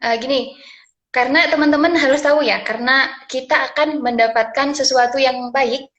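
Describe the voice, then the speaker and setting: A young woman from Aceh speaking as a scholarship awardee on a live stream, pausing often with fillers and restarts. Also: high-pitched, fairly even intonation, a bit bright, lo-fi sound. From Aceh, Indonesia. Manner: hesitant, many fillers and restarts. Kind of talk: live-stream sharing session.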